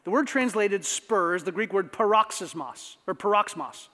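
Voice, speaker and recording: A man preaching a sermon as pastor, conversational and animated, with asides to the congregation. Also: sits high, brisk. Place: church sanctuary. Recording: long reverb of a church hall.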